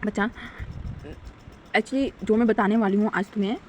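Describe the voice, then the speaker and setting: Give me a woman playing a gentle, worried mother, calming and patient. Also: medium pitch, moderate pace, a little hiss or hum, lightly acted. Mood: gently explaining. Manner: pleading, explaining gently. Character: worried, soothing middle-aged mother.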